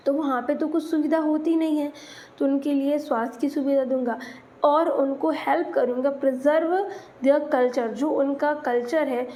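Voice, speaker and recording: A woman teacher walks students through exam questions in a high, mellow voice. She is patient and explains each English word with care. She often stops to spell a word out letter by letter. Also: steady tone, a little slow. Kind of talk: exam-prep lesson explanation.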